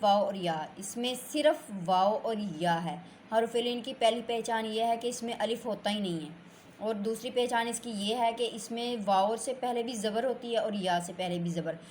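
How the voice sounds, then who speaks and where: A woman teaching Quran reading in a slow, patient lesson. She draws out her words and repeats syllables so learners can follow. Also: fairly high pitch, a little mellow, a little hiss or hum.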